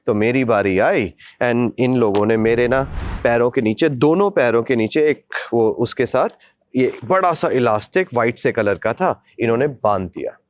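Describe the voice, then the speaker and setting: A man vlogging a personal story in an animated, dramatic way, acting out sounds and mixing English phrases into his Hindi. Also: mid-range voice, normal speed, no room sound.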